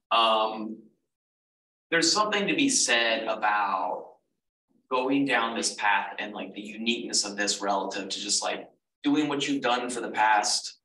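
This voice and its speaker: A man's voice: mid-range voice, bright, forceful tone. A man advising students in a casual info session, rambling with lots of fillers and self-corrections. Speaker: economics advisor. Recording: echoey room, far from mic, faint noise.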